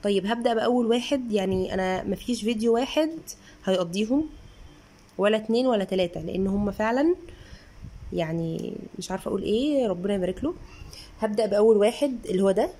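A woman in her thirties with an Egyptian Arabic accent, a mother chatting earnestly through a casual book review and sometimes sounding out syllables slowly. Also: mid-range voice, dark tone. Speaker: mother reviewing children's books.

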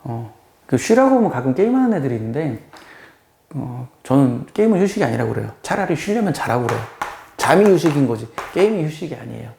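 Lively man lecturing in an echoey room. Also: mid-range voice, quick pace, creaky, a little hiss or hum. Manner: lively, acts out quoted people. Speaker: math tutor. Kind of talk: conversational lecture.

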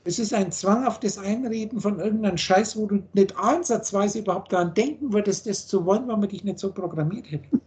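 A man's voice: sits high, fairly quick, darkish tone. A man teaching in a video call, blunt and preachy, firing off rhetorical questions. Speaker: spiritual teacher.

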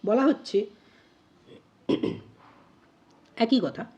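A woman teacher explaining grammar, spelling out words slowly syllable by syllable. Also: fairly high pitch, lively intonation, mellow, slightly rough, muffled recording. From West Bengal, India. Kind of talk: grammar lesson.

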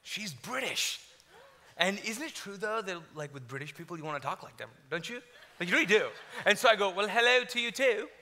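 A man preaching a church sermon as guest speaker, telling lively jokes and stories and then slipping into a hushed prayer. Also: high voice, brisk, slight background noise. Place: church service.

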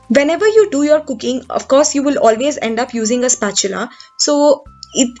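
A young Indian woman who runs a home vlog shares kitchen cleaning tips in a chatty voice-over. Her voice is high, and she uses lots of fillers and often restarts her sentences.

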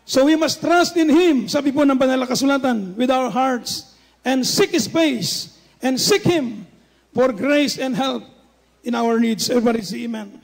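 A male preacher delivering an emphatic sermon, calling on the congregation to say amen and building to fervent near-shouts. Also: very high-pitched. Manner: switches between measured speech and fervent near-shouting.

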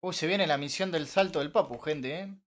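A young man with an Argentine Rioplatense accent, chatting casually with his live-stream viewers while gaming, joking, swearing and breaking into frustrated shouts. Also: on the high side, moderate pace. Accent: Argentine Rioplatense Spanish. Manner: banters with chat, swears, bursts into frustrated shouts.

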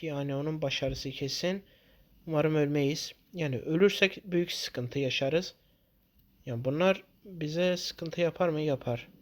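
A man giving casual gameplay commentary to his viewers, jittery and quick to swear in sudden loud outbursts. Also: fairly high pitch. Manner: talks straight to viewers as "guys". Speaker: gaming channel host.

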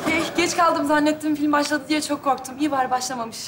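A woman's voice: high voice, steady tone, quick pace, very noisy. A woman performing live sketch comedy on stage, exasperated and scolding. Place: theater stage before a live audience. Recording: echoey theater stage with audience.

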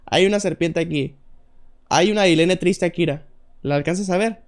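A young man with a Mexican accent streaming a puzzle game live, joking loudly, swearing and answering his chat. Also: high-pitched, normal speed. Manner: loud and joking, swears often, reads chat aloud.

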